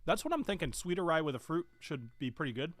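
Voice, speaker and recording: A man's voice: a little high, very animated, fast talker, fairly bright tone. A man hosting a casual live-stream whiskey tasting, rambling with fillers and self-corrections and sometimes talking with his mouth full. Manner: talks while chewing and sipping.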